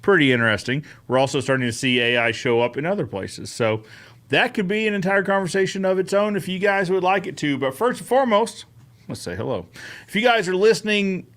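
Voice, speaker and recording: A man's voice: on the high side, fairly bright tone. Upbeat chatty man hosting a live Q&A. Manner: upbeat, chatty, greets viewers by name. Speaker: host of a live Q&A show. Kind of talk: casual live-stream Q&A.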